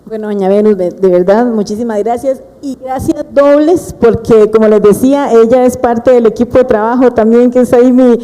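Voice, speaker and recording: A woman's voice: a little high, steady tone, moderate pace, hardly any pauses, dark tone, long reverb tail, poor audio. A woman hosting a seminar and formally thanking a speaker. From Costa Rica. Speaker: event host.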